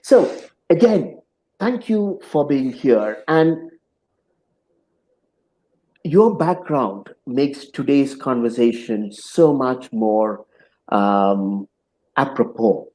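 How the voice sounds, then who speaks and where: A middle-aged man hosting a live video-call interview, speaking in a measured, reflective and philosophical way. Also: medium pitch, lively intonation, a little mellow, low-quality recording. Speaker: host and interviewer.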